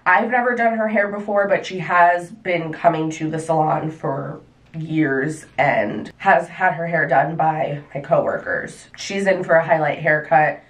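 A woman's voice: sits low, measured pace. Chatty young woman hairstylist vlogging. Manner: chatty, frequent "like" fillers, animated hand gestures. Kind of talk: casual vlog chat to camera. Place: small bedroom at home, indoors.

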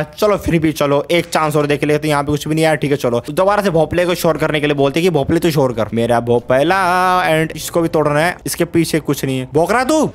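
A man giving comedic gameplay commentary, excitable, often yelling and groaning in frustration and repeating short phrases over and over. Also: on the high side. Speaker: gaming commentator.

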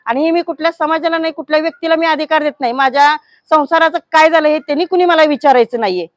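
A woman village head from Maharashtra speaks to news reporters in a high voice, indignant and forceful. The sound is dry and dull, a lo-fi news recording. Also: fast, no echo. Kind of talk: statement to news media.

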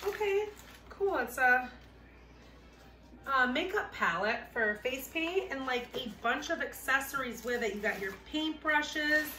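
A woman's voice: high voice, lively intonation, unhurried, sharp tone. A woman chatting casually and cheerfully as she unboxes resale items, thinking aloud. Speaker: reseller vlogger. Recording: echoey room, mic at a distance, noisy.

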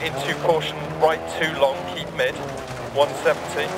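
Over a roaring car engine, a focused male rally co-driver in a racing game. He fires off rapid, clipped pace notes in a fairly high, gravelly voice with an even pitch. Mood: brisk, focused. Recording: loud car engine noise.

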